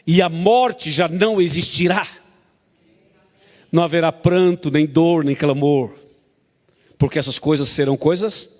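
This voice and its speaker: A man's voice: a little high, long reverb tail. A man preaching a sermon, emphatic and repetitive, often asking the congregation to agree.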